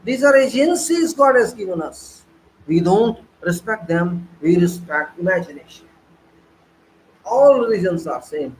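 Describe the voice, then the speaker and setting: Emphatic, preachy high-voiced male lecturer. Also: reverberant, a little hiss or hum, poor audio. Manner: emphatic, preachy, full of rhetorical questions and repetition. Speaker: engineering lecturer. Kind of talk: online lecture.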